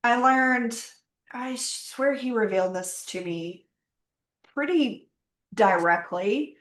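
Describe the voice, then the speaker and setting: A woman's voice: fairly high pitch, slow pace, fairly bright tone. A middle-aged woman telling her story openly and reflectively in a casual conversation. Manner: open, reflective, faith-centered storytelling. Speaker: podcast guest. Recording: roomy echo.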